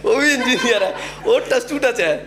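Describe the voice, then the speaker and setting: A man's voice: very high voice, moderate pace, a crowd in the background. A young man from Uttar Pradesh performing a stand-up comedy set at an open mic, telling a story and acting out the people in it. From Uttar Pradesh, India. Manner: storytelling, acts out quoted characters. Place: open mic event venue.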